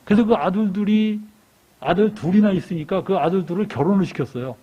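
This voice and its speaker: Man, lay preacher, high husky voice, lively storytelling sermon, dull lo-fi church recording. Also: brisk. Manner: animated storytelling, asks the congregation questions.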